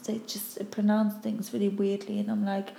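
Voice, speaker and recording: A woman arguing with her husband in casual banter, exasperated and quick to swear. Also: mid-range voice, completely flat delivery, vocal fry, mellow, a little hiss or hum. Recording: echoey room with faint ambience.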